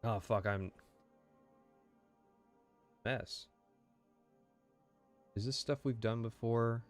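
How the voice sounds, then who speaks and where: A man's voice: medium pitch, very slow, soft background music. A man streaming live, chatting casually in a rambling, profane way with lots of fillers.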